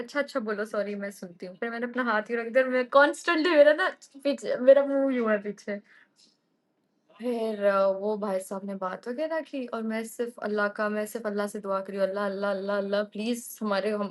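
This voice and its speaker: A young woman hosting a live stream, telling a story to viewers in a casual way, switching into English often and laughing as she goes. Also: fairly high pitch. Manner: animated, mixes English into her talk, laughs often.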